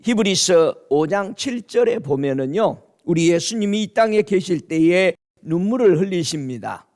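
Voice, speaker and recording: A male pastor preaching a sermon, reading scripture slowly and solemnly, then asking the congregation questions and answering them himself. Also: animated. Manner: climbs to high, near-shouted emphasis.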